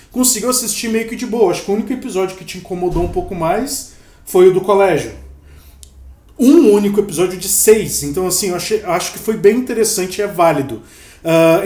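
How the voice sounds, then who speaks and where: A man's voice: sits high, a little mellow. A man with a Brazilian accent giving a casual, opinionated spoken review, colloquial and explaining by examples. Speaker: podcast host reviewing a horror series. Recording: roomy, echoey sound.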